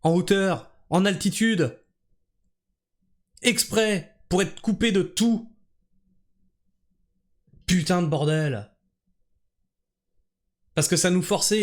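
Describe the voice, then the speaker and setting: Male online commentator with a fairly high voice who reads an article and cuts in with foul-mouthed sarcasm. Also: darkish tone. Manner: sarcastic, profane, exasperated asides. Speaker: commentator reacting to a news article. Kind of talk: reading an article aloud and ranting about it.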